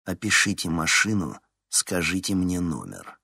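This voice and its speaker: A man's voice: low-pitched, very animated, unhurried, creaky, pushed and bright, breathy edge, dry recording, studio quality, heavily acted. A man voicing a brave, angry teenage boy in an audiobook. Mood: urgent.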